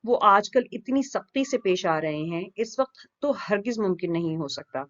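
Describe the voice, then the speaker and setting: A woman voicing a lively young wife who turns commanding with her servants, in an audiobook. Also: medium pitch, close to an everyday voice. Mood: fretful. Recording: dull lo-fi recording.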